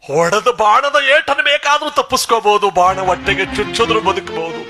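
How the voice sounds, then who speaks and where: A man's voice: high-pitched, expressive, brisk, pushed and bright, soft background music, voice pushed down, exaggerated voice. A man voicing a kindly, devout old village grandfather who talks earnestly, scolding and then tender. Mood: impassioned.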